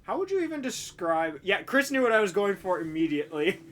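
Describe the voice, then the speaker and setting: A man's voice: sits high, very animated, a little fast, a bit bright. A man streaming a game, chatting casually and joking, often acting out what characters think. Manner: joking, acts out characters' thoughts. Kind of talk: casual gameplay chat.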